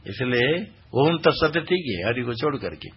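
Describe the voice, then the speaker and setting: A man's voice: mid-range voice, very animated, unhurried, breathy edge. A male spiritual teacher explaining scripture recitation. He is exacting, corrects pronunciation point by point and quizzes his listeners. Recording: dull lo-fi recording.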